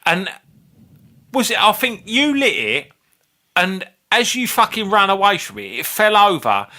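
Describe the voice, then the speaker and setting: A man co-hosting a comedy podcast, chatting in an animated, sweary way. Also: high-pitched, measured pace. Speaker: podcast co-host. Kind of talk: casual comedic banter.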